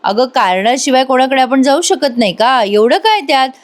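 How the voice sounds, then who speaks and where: Easygoing dad figure, woman reading, calm, reassuring. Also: high-pitched, normal speed, voice pushed up.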